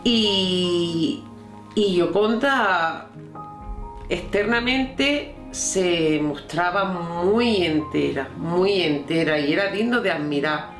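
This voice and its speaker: A woman from Spain, a hospital colleague, speaking in a reflective, measured way in a documentary interview. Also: fairly low pitch. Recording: roomy room with faint music.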